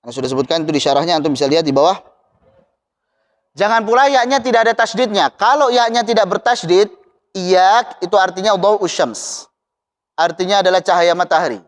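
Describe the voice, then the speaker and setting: A man teaching Quran recitation, chanting verses slowly and then explaining them patiently to his students. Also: high voice. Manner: slow melodic chanting of verses between explanations. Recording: long hall reverb.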